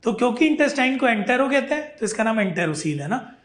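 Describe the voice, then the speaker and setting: High-voiced man teaching biology. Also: very animated, quick pace, a bit bright. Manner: patient, repeats key terms for students. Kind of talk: online class lecture. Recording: echoey room.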